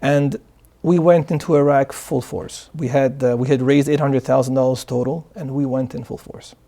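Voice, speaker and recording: A man's voice: medium pitch, steady tone, normal speed, gravelly, warm tone. A man from Morocco, a guest answering interview questions in an earnest way, often repeating words as he starts sentences. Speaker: guest, charity founder. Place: studio.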